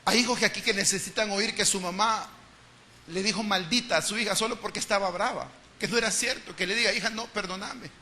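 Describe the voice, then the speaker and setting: A male preacher delivers a sermon in a church. His voice sits high and cuts through with a bright, piercing edge. He talks lively and acts out little family dialogues as he goes. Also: quick pace, slight background noise. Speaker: pastor.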